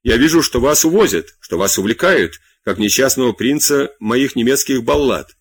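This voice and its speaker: A man reading an audiobook, voicing a proud, anguished queen who pleads bitterly, pitching his voice up. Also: expressive, moderate pace, breathy edge. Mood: bitter pleading. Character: proud anguished Queen Marie Antoinette, woman.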